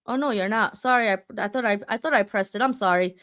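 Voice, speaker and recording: A woman's voice: mid-range voice, quick pace, fairly bright tone. A middle-aged woman hosting a call-in debate stream, pressing callers with challenging questions. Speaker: call-in show host.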